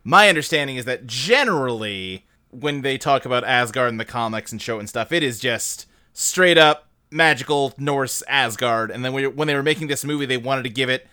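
Male podcast co-host, animated and rambling, with a sharp, clean tone. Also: medium pitch, moderate pace, clean tone. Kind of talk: casual movie discussion.

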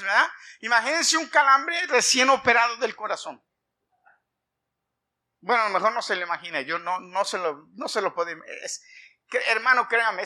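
Bright-voiced preaching man. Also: very high-pitched. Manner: animated storytelling, addresses the congregation as brothers. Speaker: pastor. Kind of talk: sermon with personal testimony.

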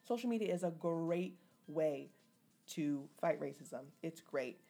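A woman co-hosting a podcast, talking casually and haltingly with frequent restarts. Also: sits low, expressive, creaky, warm tone. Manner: halting, many fillers and restarts. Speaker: podcast co-host.

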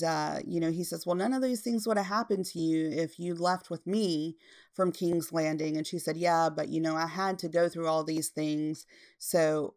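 A woman with a low, smooth voice recapping an episode in relaxed, casual talk. She retells each scene loosely, with plenty of ums and uhs along the way.

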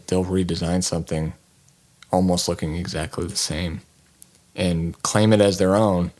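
Man, artist, podcast co-host, low voice, halting. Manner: halting, restarts his phrases. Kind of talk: casual podcast chat.

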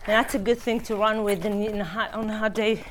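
A woman coaching a runner outdoors on a hilly trail, giving steady, encouraging instructions. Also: mid-range voice, a little fast, a little hiss or hum. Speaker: running coach. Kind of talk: coaching on the run.

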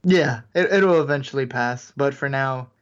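A man's voice: mid-range voice, moderate pace. Laid-back man with brief replies, lo-fi. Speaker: podcast co-host. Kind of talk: casual podcast chat.

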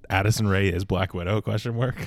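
A man hosts a casual podcast in a low, laid-back voice and makes dry jokes. The recording is dry and close, with no room sound. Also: steady tone, fast talker, dry recording. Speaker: podcast host. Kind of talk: casual chat.

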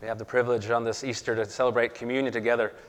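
A man leads a church communion service at a mid pitch, steady and earnest in delivery. His voice carries a long cathedral-like echo, recorded in a large sanctuary. The reverb lingers after each phrase. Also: very fast. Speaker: pastor. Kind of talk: leading a communion liturgy.

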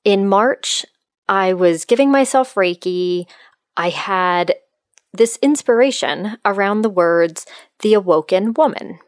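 A woman's voice: mid-range voice, animated, takes it slowly, no room sound, clean studio sound. A middle-aged woman hosting a solo podcast, speaking to listeners in an open, friendly manner. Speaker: podcast host and life coach.

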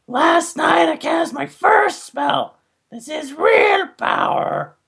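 Woman playing a shrill melodramatic teen girl. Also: animated, slow, gravelly, exaggerated voice. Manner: shouty melodramatic delivery. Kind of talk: comic dramatic reading.

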